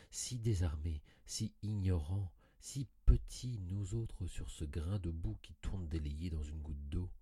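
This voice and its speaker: A man with a low, very dark and mellow voice reads a story aloud with intense, anguished drama. His tone is husky, and the close mic keeps the sound dry and near. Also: no echo. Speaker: audiobook reader. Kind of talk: dramatic literary reading.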